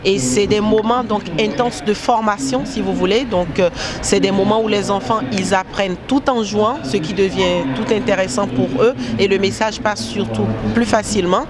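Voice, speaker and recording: Woman explaining over a loud crowd. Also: mid-range voice, normal speed. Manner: explanatory, with frequent fillers. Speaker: project manager of an association. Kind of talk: interview answer, explaining.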